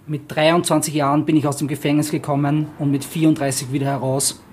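Here the man's voice sits on the high side and has a darkish tone, delivered quickly and levelly over a little hiss or hum. He gives a casual introduction to a book, then alternates in reading a passage aloud to an audience. His unscripted speech is hesitant and full of fillers.

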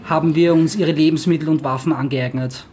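Slightly high and darkish, this man's voice moves a little fast with fairly even intonation, accompanied by a little hiss or hum. Casually introducing a book, he takes turns reading a passage aloud for an audience. He frequently hesitates, with many fillers whenever he speaks freely.

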